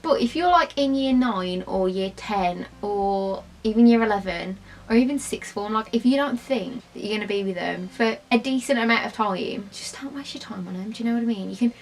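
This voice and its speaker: A woman's voice: mid-range voice, rough recording. A tipsy young British woman chatting casually and bluntly to camera in an informal question-and-answer style. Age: young adult. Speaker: vlogger.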